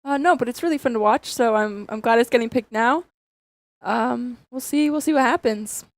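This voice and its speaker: A young woman calls a college kart race with bubbly energy and lots of fillers. Her voice sits a little high. The sound is close and dry. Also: normal speed, no room sound. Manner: upbeat, chatty, many fillers. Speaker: esports co-caster. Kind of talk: casual esports commentary.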